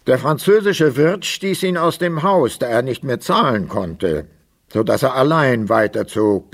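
A man's voice: fairly low pitch, husky. A man narrating a German literary radio play as a scripted storyteller.

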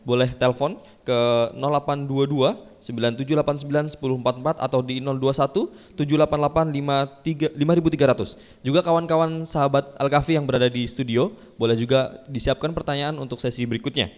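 A man's voice: mid-range voice, fairly even intonation, fast talker. A man hosting a live AM radio talk show in a conversational way. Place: studio with attendees present. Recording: long reverberant hall sound.

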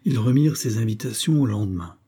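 A male audiobook narrator reading a novel in a measured, expressive way. His voice is low and dark, with a husky grain. The reading stays steady and scripted.

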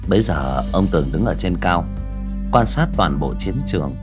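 Deep-voiced male audiobook narrator. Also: lively intonation, moderate pace, music in the background. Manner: conversational, addressing listeners directly.

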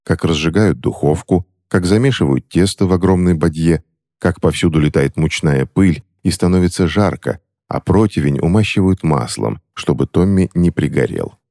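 Male audiobook narrator, very low voice, lively intonation, dry close-miked read. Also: normal speed, dry recording. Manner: expressive storytelling.

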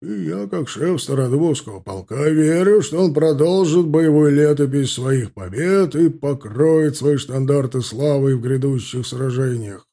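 Man doing a booming, pompous old general, mellow dark tone. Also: animated, unhurried, few pauses. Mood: rousing. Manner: booming, speechifying. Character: pompous older male general, regiment chief.

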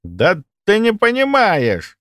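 A shrill, cowardly old morgue orderly, as a male reader puts him on, caught stealing from the dead. He squeals high and loud, whining and snapping in a jumpy voice. The audiobook sound is dry and close. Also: sing-song, normal speed, no room sound.

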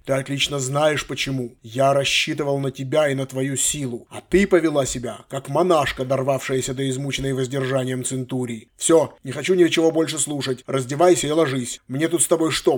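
A man playing a cold, stern old archmage grandfather who speaks in an unhurried, commanding way. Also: medium pitch, fairly even intonation, close to an everyday voice.

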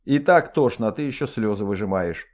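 A man's voice: on the low side, animated, a little fast, natural voice. A man voicing a tall, coarse young noblewoman who scolds and orders her servant around. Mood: scolding. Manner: gruff, scolding, commanding.

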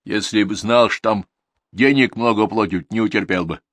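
A man's voice: fairly low pitch, moderate pace, fairly bright tone, dry recording, voice pushed up. A man voicing a sly, worldly-wise old peasant who lectures in folksy rural dialect. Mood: grumbling.

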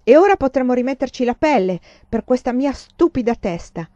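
A tall, loyal peasant man on the run, put on by a woman reading a storybook aloud, his voice lifted high and pressing in urgent, pleading bursts. He blames himself loudly. The recording is dull and dry. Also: animated, brisk, no echo. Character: tall strong male peasant fugitive, loyal, self-blaming.

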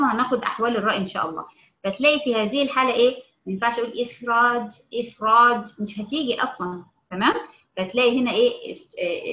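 A woman with an Egyptian accent teaching a tajweed lesson at a careful pace. She keeps asking whether her students follow and stretches out each example word as she recites it. Her voice is bright, and the recording sounds roomy and a little dull. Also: mid-range voice. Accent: Egyptian Arabic. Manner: explains slowly, checks understanding often with rhetorical questions; stretches out example words when reciting them.

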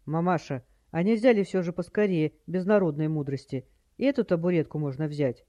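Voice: mid-range voice, brisk, warm tone, lightly acted. A narrator voicing an impatient male criminal who talks in an irritable, barking way.

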